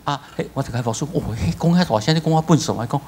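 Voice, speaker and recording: A male pastor with a Taiwanese accent preaching a sermon, telling stories with lively acted-out voices. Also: fairly high pitch, racing, a little hiss or hum. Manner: animated storytelling, acts out voices, laughs.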